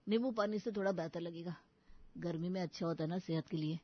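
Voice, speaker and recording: A mild, tired young husband who calmly reasons with his wife, as a woman puts him on. The voice sits at a mid pitch and the sound is dry and dull. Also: fast, no room sound, close to an everyday voice. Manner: calm, reasoning.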